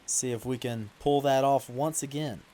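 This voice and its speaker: A man narrates his video game playthrough like a casual sportscaster, keeping an easy pace as he follows each play. He breaks into loud, indignant complaints over the calls he disagrees with. His voice sits in a middling range, with some faint background noise behind it. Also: medium pitch, steady tone, normal speed. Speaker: gaming YouTuber.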